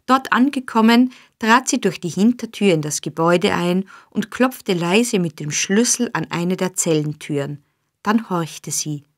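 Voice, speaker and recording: A woman narrating a classic novel as an audiobook, in a measured, even storytelling manner, on a close studio mic. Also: on the low side, no room sound. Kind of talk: scripted narration.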